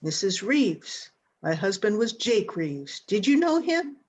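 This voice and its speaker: A woman's voice: mid-range voice, very animated, takes it slowly, darkish tone. A woman playing a worried, hard-up frontier widow in a radio western, with plain rural, hesitant, apologetic speech. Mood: puzzled. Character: worried, starving frontier widow searching for her son. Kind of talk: old-time radio western acting. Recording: dull, lo-fi video-call audio.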